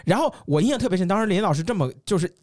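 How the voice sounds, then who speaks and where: A young man hosting a podcast, telling stories in a lively, rambling casual chat with lots of repeated words. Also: high-pitched, racing. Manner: lively storyteller, many repeated words and laughs. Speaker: podcast host.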